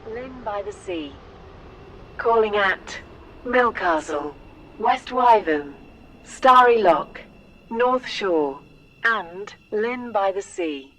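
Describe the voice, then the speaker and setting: Woman, train station announcement, automated platform style, slow measured delivery, mid pitch. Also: animated, fairly bright tone, poor audio.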